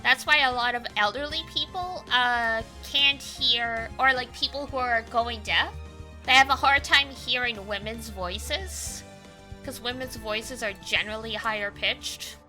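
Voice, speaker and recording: A woman's voice: a little high, a little slow, soft background music. A Canadian woman with a cute anime-girl voice, chatting casually and animatedly as she streams a video game. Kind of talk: casual livestream chat over a video game.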